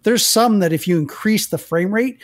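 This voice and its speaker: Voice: medium pitch, normal speed. Podcast cohost jumping in to explain the techy stuff, medium voice. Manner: corrects others, explains technical detail. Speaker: podcast co-host. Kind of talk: casual tech chat.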